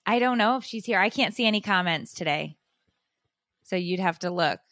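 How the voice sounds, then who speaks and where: A woman podcast host in casual chat, telling a story with lively acted-out quotes. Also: mid-range voice, moderate pace, dry recording, studio quality. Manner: animated storytelling, acts out quotes.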